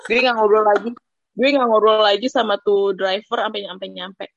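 A young woman co-hosting a casual podcast, telling embarrassing stories in an animated way and laughing through the punchlines. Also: medium pitch, moderate pace, creaky, no echo, highs cut off. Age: young adult. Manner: animated storytelling, laughs into her own punchlines. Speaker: podcast co-host. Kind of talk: casual chat.

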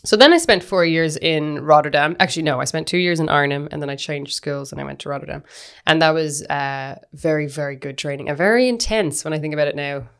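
A woman's voice: low voice, fast talker, a bit bright, smooth. A young woman with a west of Ireland accent, telling stories casually and chattily as an interview guest. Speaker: interview guest, dancer and performer. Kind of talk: casual conversational storytelling.

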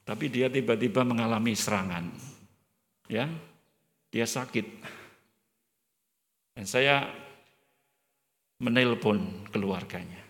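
Male guest preacher, higher voice, forceful and bright, animated with jokes, long church reverb. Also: slow pace, pauses often. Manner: animated, joking, addresses the congregation directly. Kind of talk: sermon.

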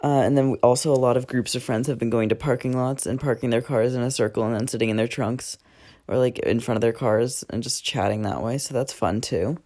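A man's voice: medium pitch, fairly even intonation, a little fast, a little mellow. A teenage guy talking casually in a diary-style podcast, rambling with many fillers and self-corrections. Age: teens. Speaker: podcast host.

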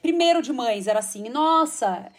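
Brief: Brazilian woman, comedic actress, fairly high voice, animated storyteller quoting others in an interview. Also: moderate pace. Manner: lively retelling, voices others' quotes with pitch jumps.

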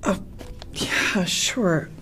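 A woman's voice: extremely slow, pushed and bright, slight background noise. An actress playing a friendly, apologetic woman who stammers and is eager to please. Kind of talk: scripted skit acting.

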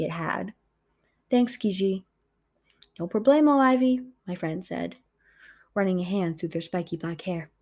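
A woman with a lowish voice reads a first-person adventure story aloud. Her narration is lively and expressive. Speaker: audiobook narrator.

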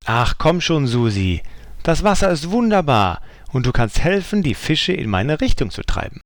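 A man's voice: a little high, very animated, moderate pace, no room sound, clean studio sound. A man voicing a playful young female hippo, in a children's storybook reading. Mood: coaxing.

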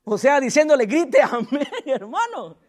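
A man preaching a lively church sermon as pastor. He calls on the congregation to repeat his words and chuckles often as he jokes with them. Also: very high-pitched, measured pace. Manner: calls on the congregation to repeat after him and respond. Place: church service.

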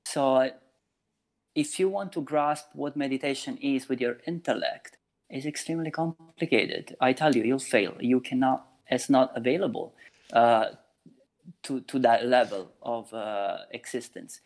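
Unhurried and thoughtful, a man in his forties with a plain pitch talks through casual interview answers. He teaches meditation and makes flutes, and he explains with everyday examples, often starting over mid-sentence.

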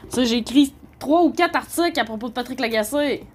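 In a casual monologue recorded at a homeless shelter, a Québécois journalist rambles with heated indignation, leaning on "là" and "tu sais". Her voice sits high and brisk, and there's background noise.

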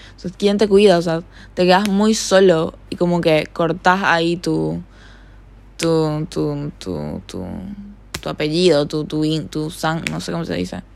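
Her Paraguayan Spanish accent has a touch of Argentine tone, and her voice is fairly low with noticeable vocal fry. She's a young woman from Paraguay hosting a casual solo podcast in her bedroom, talking in a rambling, chatty way full of filler.

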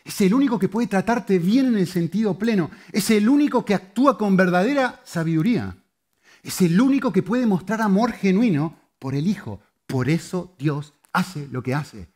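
Husky man preaching with swings. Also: high voice, lively intonation, normal speed. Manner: shifts between loud emphatic and soft hushed delivery. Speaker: pastor. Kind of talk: sermon.

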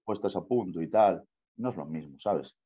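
Slangy low-voiced Spanish bodybuilder. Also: male voice, animated, moderate pace, slightly rough, lo-fi sound. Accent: Spanish from Spain. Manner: slangy, swears often, keeps saying "tío" and "¿sabes?". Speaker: professional bodybuilder guest. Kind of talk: casual interview storytelling.

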